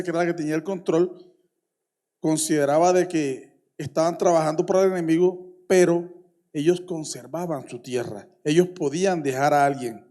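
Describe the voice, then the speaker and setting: A man from the Colombian Caribbean coast asking a long question from the floor at a conference, halting and restarting often. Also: a little high, mellow. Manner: halting, with many restarts and fillers. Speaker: audience member asking a question.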